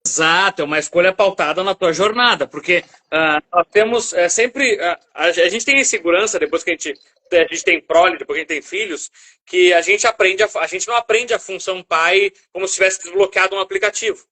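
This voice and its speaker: A man hosting a live interview, chatting casually and reacting quickly to his guest. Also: high-pitched, sharp tone. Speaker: live show host.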